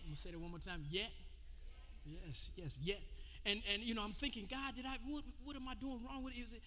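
High-voiced preacher man in a reverberant hall. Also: brisk, bright, forceful tone, a little hiss or hum. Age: 40s. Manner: call-and-response preaching, loose and conversational. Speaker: pastor. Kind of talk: sermon. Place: church sanctuary.

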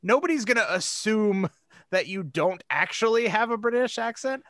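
Podcast co-host, male: high and bright, dry close sound, loose rambling delivery full of "like". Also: lively intonation, normal speed, no echo. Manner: rambling, filler-heavy, laughs easily. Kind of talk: casual chat.

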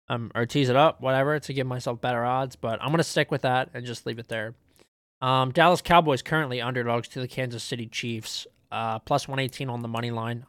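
A young man talking fast and loose as he runs through his betting picks, filler words everywhere. His voice is smooth and clear, mid-pitched. The sound is dry and close. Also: fairly bright tone, dry recording. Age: young adult. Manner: fast, casual, with frequent ums. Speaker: podcast host. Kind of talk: solo sports betting picks rundown.

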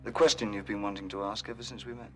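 A reserved alien man, as an actor plays him, talks in quiet, cryptic lines, low in pitch and quick to get them out. It is film dialogue, soft and held back. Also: fairly even intonation, soft background music, natural voice. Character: calm reserved male alien posing as a human.

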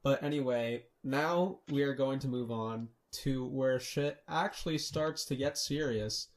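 A man's voice: medium pitch, measured pace. A man co-hosting a casual film review podcast, teasing his friends and swearing freely. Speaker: podcast co-host.

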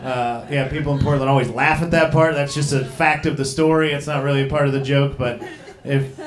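This stand-up set comes from a man in his thirties whose medium-pitched voice moves briskly with fairly even intonation. Performing on a comedy club stage in a roomy-sounding space, he rambles profanely and mocks himself.

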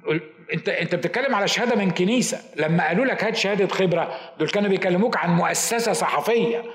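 Man, Egyptian accent, pastor, animated storytelling sermon, quick talk, roomy church echo. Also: high-pitched. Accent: Egyptian Arabic. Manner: animated, acts out dialogue.

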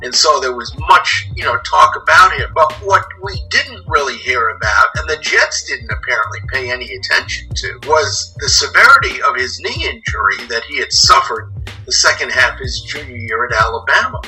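A man's voice: mid-range voice, animated, normal speed, pushed and bright, soft background music, poor audio. A man in his sixties from New York, an author telling detailed stories about old games as a guest. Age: 60s. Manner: detailed, anecdotal storyteller. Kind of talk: interview, storytelling.

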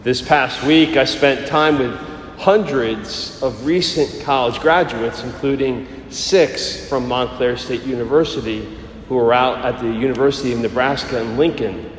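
A priest reading the Gospel and preaching a sermon at a measured pace, slowing down for emphasis, with echoing church acoustics. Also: male voice, mid-range voice, slight background noise. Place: large church. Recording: echoey church with long reverb.

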